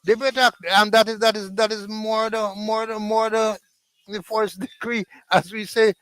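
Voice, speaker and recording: Stammering older man, smooth high voice. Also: flat delivery, normal speed, fairly bright tone, dry recording, poor audio. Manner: stammering, insistent. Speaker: guest, former police commander. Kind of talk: casual chat.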